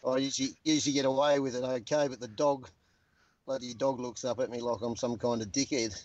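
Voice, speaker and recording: A man's voice: mid-range voice, fairly even intonation, fairly quick, a little mellow, no room sound, highs cut off. A middle-aged man bantering crudely as a guest in a casual chat.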